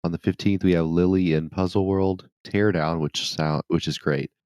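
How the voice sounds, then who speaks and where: A man's voice: deep voice, fairly even intonation, moderate pace, darkish tone, dry recording. A man co-hosting a gaming podcast, reading a list of releases with dry joking asides. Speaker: podcast co-host.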